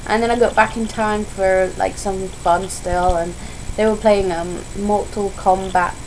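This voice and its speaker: A young woman talks casually to her vlog viewers while feeling sick, her voice strained and close to giving out. She drifts between tangents in a chatty way, at an average pitch for a woman. The homemade recording has clearly audible noise behind her. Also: steady tone, unhurried, darkish tone. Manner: digressive, chatty, self-interrupting. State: ill, voice strained and starting to go. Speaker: vlogger. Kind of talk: casual rambling vlog chat. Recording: noisy home vlog recording.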